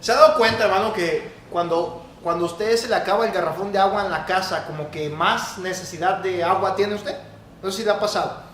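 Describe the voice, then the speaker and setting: A man with a Mexican accent preaching a sermon as pastor, swinging between loud exhortation and hushed asides, often calling listeners brother. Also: high-pitched, brisk, reverberant, slight background noise.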